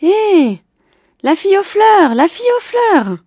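A high-pitched little boy shouting from a window, as a woman reading a storybook puts him on. His calls come out loud and strained, yet the voice keeps a mellow, dark grain. The recording is close and dry. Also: very animated, slow pace, dry recording, full character voice. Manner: high-pitched, calling out loudly. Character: young sick boy in a wheelchair, skeptical then joyful.

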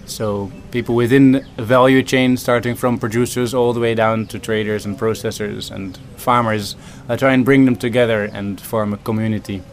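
A man's voice: lowish voice, fairly even intonation, normal speed, few pauses, a little hiss or hum. A man from the Netherlands, a food system consultant answering interview questions thoughtfully, with many ums and restarts.

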